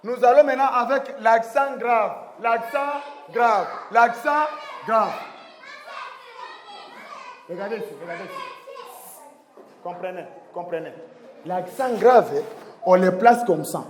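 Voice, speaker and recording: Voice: medium pitch, normal speed, a little mellow. Teacher drilling pupils in an echoey classroom. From Rwanda. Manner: repetitive drilling, call-and-response, praising pupils. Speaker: primary school teacher. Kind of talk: classroom French lesson. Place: large indoor classroom. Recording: echoey classroom hall, background noise.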